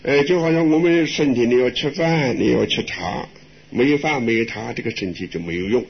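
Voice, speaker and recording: An older man, a monk, giving a gentle, chuckling Buddhist talk in an unhurried way. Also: mid-range voice, creaky. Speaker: elderly monk answering questions. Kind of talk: dharma talk with live interpretation. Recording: dull lo-fi recording with faint hiss.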